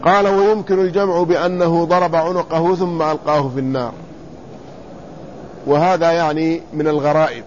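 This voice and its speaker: A man teaching a lesson in classical Arabic, reading quoted commentary and then explaining it, repeating words slowly to spell out their vowels. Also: on the high side, fairly even intonation, a little mellow. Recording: slightly dull lo-fi recording with faint room noise.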